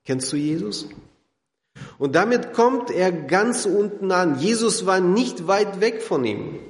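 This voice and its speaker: Brief: male preacher, dramatic and direct, slightly high voice, long hall reverb. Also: expressive, unhurried. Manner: dramatic, drops to quiet intense tones; addresses listeners directly. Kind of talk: sermon.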